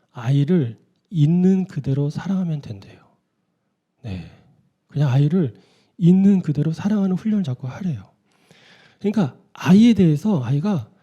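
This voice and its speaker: A pastor with a slightly high, warm voice preaches an early-morning sermon conversationally, often posing rhetorical questions to listeners. The sound is lo-fi.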